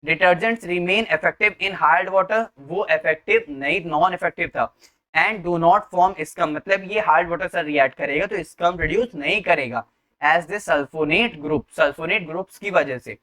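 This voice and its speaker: Male chemistry tutor, bright forward voice, drills students with quick questions. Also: on the high side. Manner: repeats "ठीक है" and quizzes the viewer with questions; slows down to read English lines word by word. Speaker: chemistry teacher. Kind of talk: classroom-style lecture.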